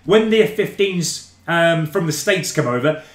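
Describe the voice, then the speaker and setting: A man's voice: a little high, animated, unhurried. A man hosting a gaming live stream, chatting loosely and reading out viewer comments, calling them mate and guys. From England. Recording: roomy echo.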